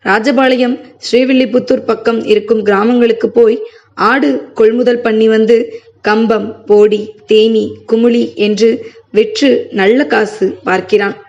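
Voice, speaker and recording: A woman narrating a family story aloud in a steady, measured storytelling manner. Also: on the high side. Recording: muffled lo-fi recording.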